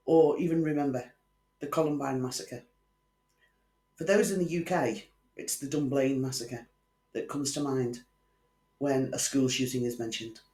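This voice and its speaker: In an echoey room, a true crime channel host with a mid-range, slightly mellow voice works through a case in scripted narration. He breaks in now and then with wry, conversational remarks aimed at the viewer.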